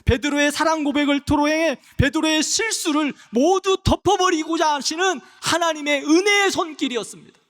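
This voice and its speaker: Male pastor, sermon, impassioned delivery that slows for emphasis; very high pitch, church hall reverb. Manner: impassioned, swings between soft and loud, slows on key phrases. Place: church sanctuary.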